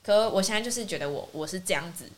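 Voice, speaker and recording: A woman co-hosting a casual podcast chat, telling a lively story and acting out what her friends said. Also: medium pitch, fast talker. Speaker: podcast co-host. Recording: faint hiss.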